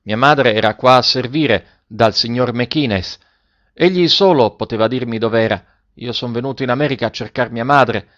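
A man's voice: mid-range voice, normal speed, a bit bright, no echo, dull audio, lightly acted. A man reading aloud and voicing an anxious young Genoese boy who pleads earnestly.

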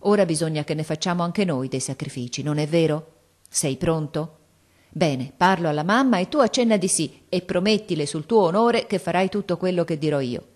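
A woman's voice: on the low side, expressive, normal speed, darkish tone. A woman reading aloud and voicing a resolute, loving young girl who pleads earnestly and insistently.

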